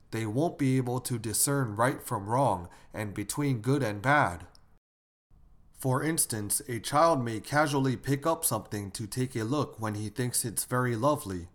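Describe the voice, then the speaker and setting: A male lecturer gives a measured moral lesson at an ordinary mid pitch. He explains each point steadily and stops to put questions to his listeners. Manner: measured and instructive, asks the audience questions. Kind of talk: didactic lecture.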